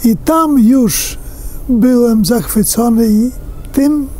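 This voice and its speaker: Male interviewee, slow delivery, mellow tone, admiring. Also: very high-pitched. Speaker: former student recalling a teacher. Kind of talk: documentary interview.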